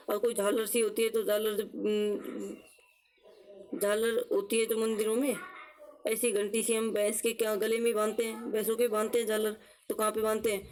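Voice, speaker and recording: Steady, flat-toned woman teaching memory tricks. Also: on the high side, rough recording. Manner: explains slowly with rhetorical questions and answers; repeats words to drill them. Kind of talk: exam-prep lesson with memory tricks.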